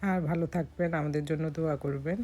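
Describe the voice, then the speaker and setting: A hoarse woman from Bangladesh gives calm step-by-step recipe narration as a cooking vlogger. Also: deep voice, fast.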